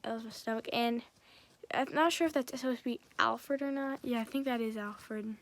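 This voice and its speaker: A casual film reviewer with a slightly raised pitch recaps a movie's plot at a normal speed. She rambles, restarts, and ties each event together with "and then," keeping things loose and conversational.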